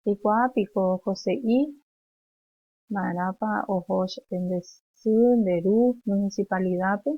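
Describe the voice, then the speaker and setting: A woman teaching young children, slowly saying words and phrases for them to repeat back. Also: mid-range voice, dry recording, phone-quality sound. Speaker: preschool teacher. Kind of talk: remote language lesson for young children.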